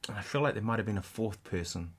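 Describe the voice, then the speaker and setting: Man, lowish pitch, casual livestream host, rambling, halting, counts rhythm syllables aloud. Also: expressive, husky. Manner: rambling, halting, with many restarts.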